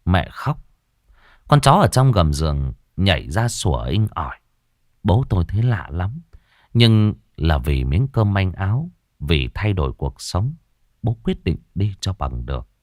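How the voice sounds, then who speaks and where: A male storyteller narrates a ghost story with a very low voice. His pitch swings widely as he builds tension. The sound is dry and close. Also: very animated, a little mellow, dry recording. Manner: slow, dramatic storytelling.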